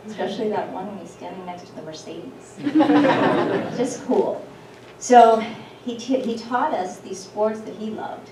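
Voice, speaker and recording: A middle-aged woman speaking at a memorial with gentle, personal humor. She is heard from a distance in an echoey hall over background noise. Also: fairly low pitch. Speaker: eulogy speaker, daughter of the deceased. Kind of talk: memorial speech. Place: event hall. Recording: echoey hall from far off, noisy.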